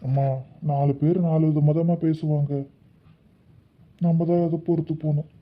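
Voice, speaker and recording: A man playing a poor, humble working father in an amateur family skit, speaking earnestly and gently. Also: on the high side, level tone, moderate pace, close to an everyday voice. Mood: gentle. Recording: dull lo-fi recording.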